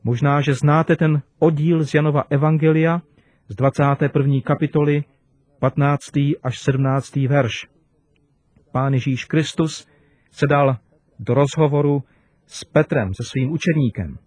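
A man preaching to children, telling a story gently and expressively. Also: fairly high pitch, steady tone, no echo.

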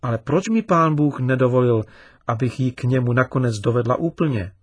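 A man's voice: mid-range voice, dry recording, distant mic, natural voice. A man voicing an upset young girl. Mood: aggrieved. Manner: raised, emphatic and complaining.

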